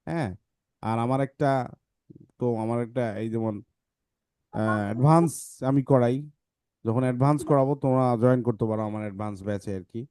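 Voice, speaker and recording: Male teacher, patient explainer, mellow voice, dry close sound. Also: a little high, dry recording. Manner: explains patiently, reads examples slowly. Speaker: English teacher. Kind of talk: online class talk to kids.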